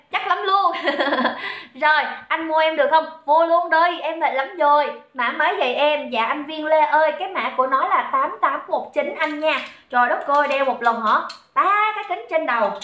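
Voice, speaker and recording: A woman's voice: high voice, bright, forceful tone. A young woman from Saigon with a Southern Vietnamese accent, hosting a live sales stream, chatting and joking with viewers and greeting them by name. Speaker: livestream seller. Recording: roomy echo.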